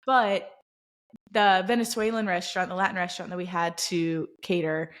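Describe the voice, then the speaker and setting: A woman's voice: on the low side, moderate pace. A young woman co-hosting a casual podcast chat, enthusiastic and giggly as she talks. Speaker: podcast co-host.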